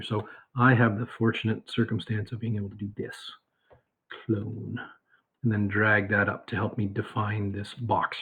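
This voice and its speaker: A man's voice: on the low side, husky. A male math teacher giving a casual recorded lesson from home, rambling with many fillers and asides. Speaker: high school math teacher. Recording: tinny phone-like audio.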